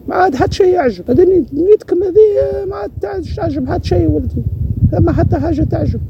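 A man's voice: extremely high pitch, expressive, fast talker, creaky, lo-fi sound, noisy background. An older man, complaining repetitively about hard times in a candid interview. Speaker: anonymous interviewee.

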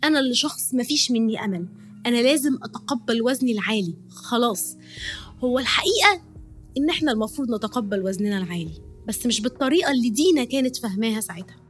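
Fast-talking Egyptian woman telling her story. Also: a little high, animated, soft background music. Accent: Egyptian Arabic. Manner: emotional, confessional storytelling. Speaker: podcast host, nutritionist. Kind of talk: personal storytelling podcast.

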